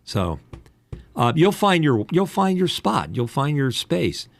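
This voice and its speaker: Slow and creaky, with a slightly high voice and big swings in pitch, a seasoned announcer and podcast host in his late sixties coaches on voice-over in candid, rambling casual chat. There's no room sound, only soft background music.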